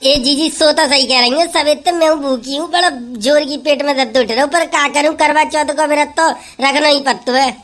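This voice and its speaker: A woman's voice: high voice, fairly even intonation, fairly quick, hardly any pauses, a bit bright. Woman playing a consoling village sister-in-law. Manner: consoling, advising. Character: sympathetic village sister-in-law, also fasting.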